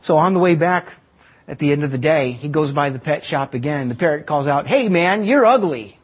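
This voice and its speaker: A man preaching a sermon, teaching with stories and slowing down for emphasis. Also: a little high, fairly even intonation. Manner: teaching with illustrations and slow emphatic pauses. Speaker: pastor. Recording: dull lo-fi sermon recording.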